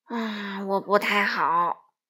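A woman doing a hoarse, gentle scarecrow. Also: medium pitch, unhurried, pitched below the performer's own voice. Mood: weary, friendly. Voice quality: hoarse, raspy. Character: gentle, simple male scarecrow of straw. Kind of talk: children's storybook reading.

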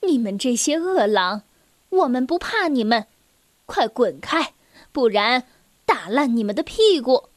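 A woman voicing a gentle, calm mother in a children's storybook, speaking softly and soothingly, well below her own narrating voice. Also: fairly high pitch, a little slow, no echo. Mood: firm scolding. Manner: soft, hushed, soothing.

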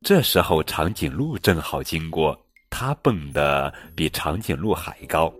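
A man's voice: very deep voice, slightly rough, no room sound. A man reading a children's picture book aloud in a storytelling voice, with light music behind. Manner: slow, lively storytelling. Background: light background music.

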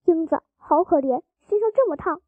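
A woman voicing a timid, gentle young girl in a storybook reading, softly and caringly. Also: very high-pitched, expressive, normal speed, dry recording, phone-quality sound.

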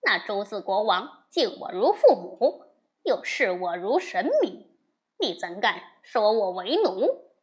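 A woman's voice: medium pitch, big pitch swings, slow pace. A woman voicing a mischievous male monkey hero in a storybook tale, cocky and teasing. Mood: scolding.

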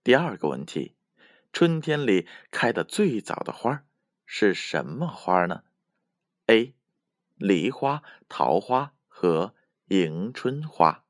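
Slow, lilting, low-voiced male storyteller. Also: sing-song, no room sound, clean studio sound. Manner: soothing, slow, lilting address to children. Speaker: children's storyteller. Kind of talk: children's bedtime storytelling.

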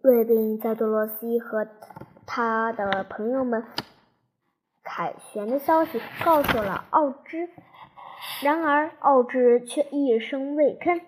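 A woman narrating a children's storybook aloud, slowly and carefully. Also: fairly high pitch, husky, rough recording.

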